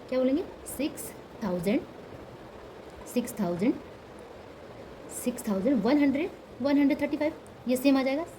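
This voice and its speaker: Brisk woman teaching a lesson. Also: on the high side, mellow, a little hiss or hum, rough recording. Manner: repeats key words and asks questions to the class; mixes in English number words. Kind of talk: classroom lesson explaining step by step.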